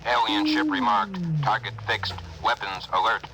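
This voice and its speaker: A clipped intercom officer, noisy old radio. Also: male voice, fairly low pitch, very animated, moderate pace. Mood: businesslike. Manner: formal, clipped reporting. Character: brisk male ship's department officer on intercom. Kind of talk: 1950s radio drama acting. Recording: noisy 1950s radio broadcast recording.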